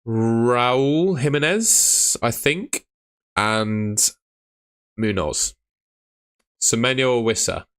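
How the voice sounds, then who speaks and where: Speaking extremely slowly and pausing often, a young man with a mid-range, slightly bright and clean voice streams fantasy football from his room. He's losing his voice and answers viewers bluntly and chattily.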